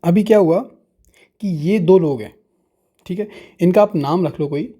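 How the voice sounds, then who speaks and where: Guy teaching fractions to kids, slightly high but mellow voice, asks stuff then answers it himself. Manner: slow, patient, asks questions and answers them himself. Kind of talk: explaining fractions to students.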